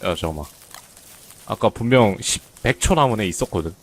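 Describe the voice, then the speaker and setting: A man's voice: lowish voice, expressive, brisk. A man casually commenting on his own gameplay, chatting to viewers and teasing the characters on screen. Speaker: game streamer. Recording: faint game music behind.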